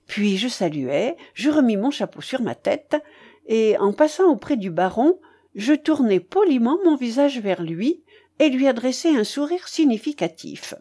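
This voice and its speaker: Woman audiobook narrator, unhurried, warm-toned, lively melody. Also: on the high side. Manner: measured, expressive storytelling.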